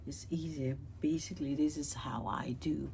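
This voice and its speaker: Woman beauty vlogger, low pitch, meandering chatty delivery full of restarts. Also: fairly even intonation, moderate pace, vocal fry, mellow, a little hiss or hum, low-quality recording. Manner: rambling, chatty, many fillers and restarts. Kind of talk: casual makeup chat.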